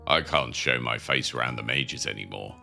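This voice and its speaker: A male actor in an audio drama plays a worldly, cynical, seasoned convict, using an extremely low, gravelly full character voice. At normal speed, he gives advice matter-of-factly with a forceful edge. Music runs under his voice.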